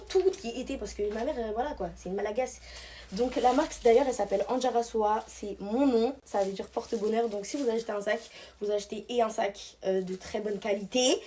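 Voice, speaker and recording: A young woman from Réunion, chatty and excitable, talking casually to her viewers in a vlog. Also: medium pitch, a little hiss or hum. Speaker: vlogger. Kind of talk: casual vlog chat to camera.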